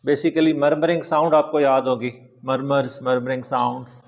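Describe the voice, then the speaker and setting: A man with a Pakistani accent teaching a classroom vocabulary lecture. He reads English words slowly and explains them in Urdu. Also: mid-range voice, flat delivery, vocal fry.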